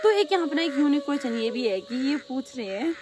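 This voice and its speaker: A young woman vlogger from the hill region, answering viewer questions in quick, loud, casual chat. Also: high-pitched, big pitch swings, background noise. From Pahadi hill region of North India. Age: young adult. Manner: talks very fast and rather loudly.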